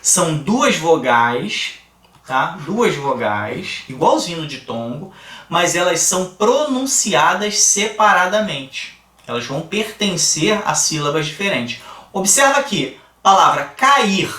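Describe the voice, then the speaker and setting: A man with a Brazilian Portuguese accent teaching a grammar lesson, explaining slowly and asking the class rhetorical questions. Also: a little high, big pitch swings, sharp tone, recorded from a distance. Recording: echoey room, voice a bit off-mic.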